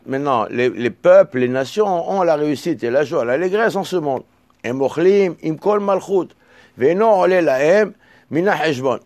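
Male Torah teacher, slightly high voice, dry recording, reads texts slowly, explains with restarts. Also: animated, a little mellow, no room sound. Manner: halting, repeats and restarts words while explaining; slows down to read out texts. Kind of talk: Talmud lesson, reading Hebrew and Aramaic then explaining in French.

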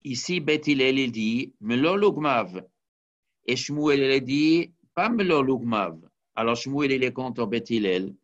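A man's voice: mid-range voice, expressive, slow pace. A man teaching a Talmud study lesson, explaining step by step and weaving Hebrew and Aramaic terms into his talk. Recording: dull lo-fi recording.

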